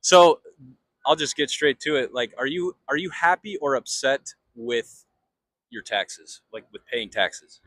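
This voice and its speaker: A man's voice: mid-range voice, lively intonation, fairly bright tone. Casting: American male street interviewer, mid-range voice, unscripted and rambling, very little echo. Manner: rambling, halting, repeats phrases. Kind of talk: casual, unscripted street talk.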